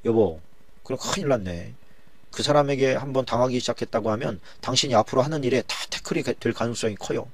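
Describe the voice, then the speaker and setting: A man voicing a level-headed wife who calmly warns her husband, in a dramatized Bible retelling. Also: medium pitch, fast talker, no echo, natural voice. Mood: worried. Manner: calm, worried advising.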